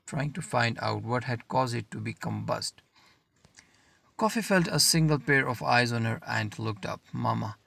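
A man narrating an audiobook in a steady, measured reading. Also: mid-range voice, vocal fry.

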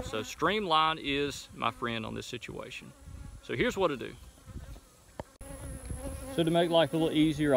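Recorded on a handheld phone in an outdoor bee yard, a beekeeper in his thirties relaxes into a step-by-step how-to vlog about his work. His medium-pitched voice is creaky, the audio is poor, and buzzing bees fill the outdoor background.

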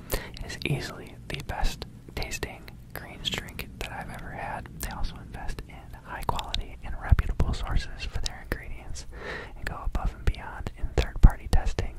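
A man in his thirties reads an ad in a casual, playful ASMR whisper, close to the microphone. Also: low-quality recording. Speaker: sponsored ad reader. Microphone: close studio microphone on a desk.

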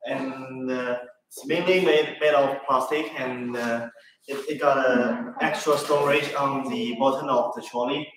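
A man's voice: mid-range voice, fairly even intonation, unhurried, a crowd in the background. Hesitant young man, distant and echoey. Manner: hesitant, many fillers. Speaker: sales staff demonstrating products. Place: large echoey warehouse showroom. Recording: echoey room from far off, background noise.

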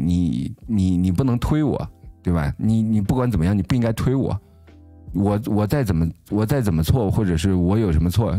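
A man hosting a talk show, telling a personal story casually in a halting way and often restarting his sentences. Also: sits low, mellow, dry recording.

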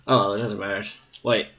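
A man who makes gameplay videos rambles casually through his commentary, often hesitating with ums. His voice sits on the low side, slightly bright and a little scratchy, and the sound is lo-fi.

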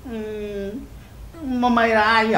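A man's voice: high-pitched, flat delivery, slow, sharp tone, exaggerated voice. A man playing a cheeky crude neighbor. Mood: mocking. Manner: teasing, drawling. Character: cheeky middle-aged male neighbor, crude and mocking. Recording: echoey room, music behind.

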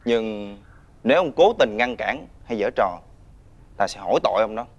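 An actor playing a menacing male debt-collecting thug, talking loudly and scornfully. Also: fairly low pitch, lively intonation, normal speed, dull audio. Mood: threatening. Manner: loud, scornful, ordering others around. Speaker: debt collector's henchman leader. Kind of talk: TV fairy-tale drama acting.

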